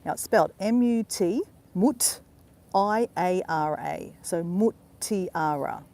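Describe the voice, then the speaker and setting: Outdoors in a riverside park, an Australian travel vlogger chats casually on a live walk, addressing her viewers as "guys" over and over. She speaks slowly in a fairly low, mellow voice.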